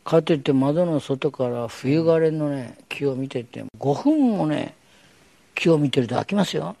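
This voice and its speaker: An older man with a gravelly, slightly high voice holds forth in a television studio. He lectures bluntly and opinionatedly, tossing in slangy asides as he talks. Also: expressive, unhurried, dark tone, no room sound. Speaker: host. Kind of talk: casual studio talk.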